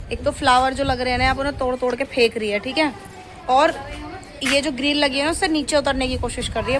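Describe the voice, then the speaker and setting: Talking to her viewers in a family vlog, a high-pitched woman keeps up a chatty stream while scolding and coaxing the kids nearby. The setting is her family home, indoors and up on the rooftop, and the recording sounds rough.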